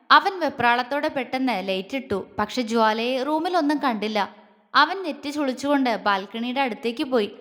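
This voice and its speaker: Woman storyteller, high voice, steady expressive reading, long reverb on the recording. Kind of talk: scripted story narration.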